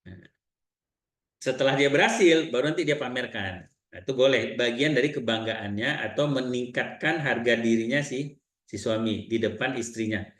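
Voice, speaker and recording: A man with an Indonesian accent giving a seminar talk, telling client stories in lively quoted dialogue. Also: medium pitch, normal speed, reverberant. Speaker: seminar trainer.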